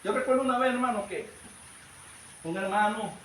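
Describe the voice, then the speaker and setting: A male evangelist with a strikingly high voice delivers a fervent sermon, calling out to his listeners as brothers. He sounds set back from the mic, and a strong echo rolls around the church hall. Faint noise sits underneath. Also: normal speed, a bit bright, far from the mic. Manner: fervent preaching, often addresses listeners as brother. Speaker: evangelist preacher. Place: church service.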